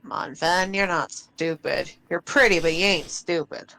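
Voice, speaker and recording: A woman's voice: fairly low pitch, a little slow, creaky, pushed and bright, a little hiss or hum, exaggerated voice. A woman voicing a sly, smug captive woman who teases with dry, mocking remarks during a tabletop role-play. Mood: sardonic.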